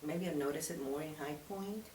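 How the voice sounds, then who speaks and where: Low-voiced Venezuelan woman in her fifties. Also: a little fast, distant mic. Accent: Venezuelan Spanish. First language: Spanish. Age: 50s. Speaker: interviewee. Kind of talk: casual interview. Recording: echoey room, from the mic, faint hiss.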